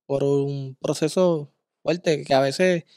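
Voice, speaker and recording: A man's voice: on the high side, fairly even intonation, dark tone, no room sound, clean studio sound. Agreeable man on a faith podcast. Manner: affirming, answers with amen and quick agreement.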